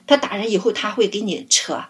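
A middle-aged woman caring for her parents, telling stories in a lively way and laughing often. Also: mid-range voice, a little fast, breathy edge. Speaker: family caregiver guest. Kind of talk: casual interview storytelling.

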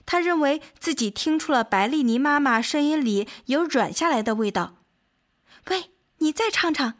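A woman reading a children's storybook aloud as the host of a children's program, gentle and measured. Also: high-pitched, lively intonation. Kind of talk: scripted storybook narration. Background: faint music.

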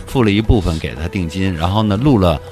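A man's voice: deep voice, expressive, fast, over music. A middle-aged man, a musician, recounting things conversationally as an interview guest.

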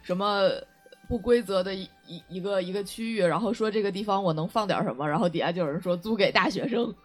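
A woman's voice: medium pitch, fast talker, soft background music. A woman co-hosting a casual chat about internet slang. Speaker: podcast co-host.

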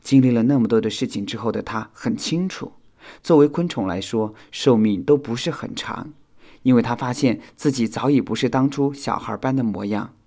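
A man narrating a children's audio storybook in an expressive storytelling manner. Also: medium pitch, normal speed. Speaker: narrator and author.

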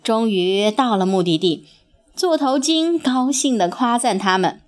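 A woman narrating a children's story in an expressive, sing-song storytelling manner. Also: a little high, unhurried, soft background music.

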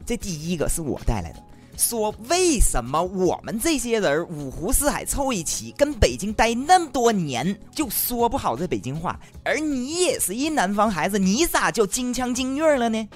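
An actress playing a bossy, boisterous older sister who tells corny jokes in a comedy sketch. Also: female voice, medium pitch, very animated, normal speed, faint music behind, lightly acted.

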